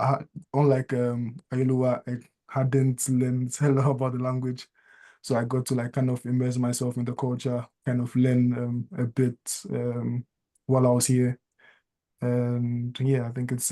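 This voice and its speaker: A man from Ghana chatting informally as a student panelist, halting as he finds his words. His voice is soft-edged and dark, of middling pitch and extremely monotone. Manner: hesitant, halting delivery. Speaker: master's student. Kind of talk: casual testimonial on a panel chat.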